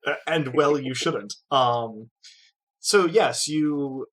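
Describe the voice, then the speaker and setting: A man narrating a tabletop game as game master, pausing often with fillers and restarts. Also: mid-range voice, a bit bright, low-quality recording. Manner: hesitant, many fillers and restarts.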